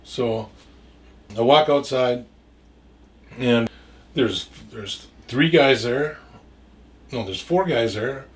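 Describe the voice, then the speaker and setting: A man's voice: mid-range voice, drawn-out words, long pauses, distant mic. A man telling a story from his past in a casual, rambling way, stumbling over and repeating words and swearing freely.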